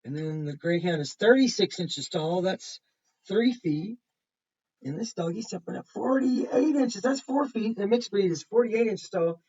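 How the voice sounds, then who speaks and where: Reading a picture book aloud to children, a kindergarten teacher uses simple explanatory phrasing, points things out, repeats, and poses questions. She speaks a little slowly and expressively in a mid-range voice that is dark-toned and slightly rough. A faraway microphone makes the audio muffled.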